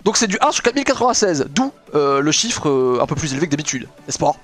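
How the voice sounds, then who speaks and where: Shouting and laughing joyfully, an excitable young man rambles through a live stream reaction and chat with his viewers, using lots of fillers. His voice is on the high side and quick.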